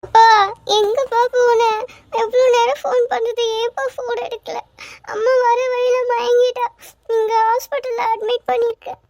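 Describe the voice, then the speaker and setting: A woman's voice: very high-pitched, steady tone, muffled recording. A woman voicing a chatty, cheeky teenage schoolgirl in a cartoon series. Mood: crying, scared. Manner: chatty, cheeky, quick to tears. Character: chatty schoolgirl in twelfth grade. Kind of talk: Tamil cartoon series voice acting.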